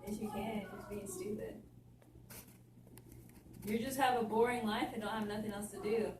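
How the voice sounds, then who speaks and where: A woman's voice: mid-range voice, fairly even intonation, moderate pace, reverberant, noisy background. A woman in a candid, overheard-style conversation at home, scolding in an exasperated, slangy way, recorded on a phone from a distance in an apartment.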